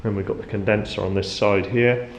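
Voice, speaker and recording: A man speaking a little fast gives an informal tour of a ship's engine room, explaining along the way in a low, very flat voice. The recording echoes off the metal walls, and there's a faint background noise.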